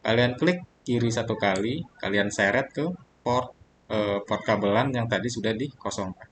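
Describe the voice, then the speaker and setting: A man walking viewers through a networking software tutorial step by step, pausing on fillers as he clicks along. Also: on the low side, slight background noise. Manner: steady step-by-step instruction with frequent fillers. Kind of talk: screen-recorded software tutorial.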